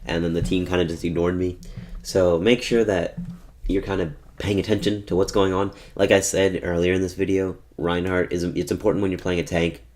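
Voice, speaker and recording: A man's voice: low voice, little pitch movement, a little fast, a little mellow. A man giving casual commentary over his own match footage, rambling and often correcting himself as he explains. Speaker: gaming tutorial host.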